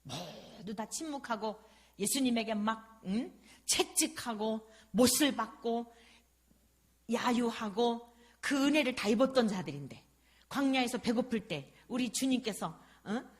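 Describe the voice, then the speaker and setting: A woman's voice: on the high side, lively intonation, unhurried. A woman pastor preaching a sermon with passion, firing rhetorical questions and frequent interjections.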